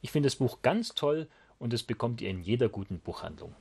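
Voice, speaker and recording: A man reading a rhyming children's story aloud in an expressive, sing-song manner. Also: medium pitch, a little fast, gravelly, breathy edge.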